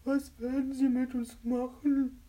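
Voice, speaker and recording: A woman voicing a frightened young companion in a storybook reading, anxious and high-pitched. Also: flat delivery, a little slow, dark tone, low-quality recording. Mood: fearful.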